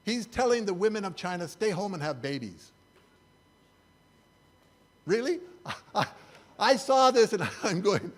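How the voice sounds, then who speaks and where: An older man with a high-pitched voice delivers a sermon-style talk while showing slides. His tone is wry and incredulous. He keeps it loose and conversational rather than preachy. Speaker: church speaker.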